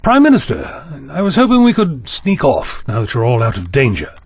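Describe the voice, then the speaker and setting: An actor in an audio drama playing the Doctor, a persuasive, gently wry male time traveller. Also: medium pitch, huge pitch swings, brisk, husky, dry recording, full character voice. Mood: wry, musing.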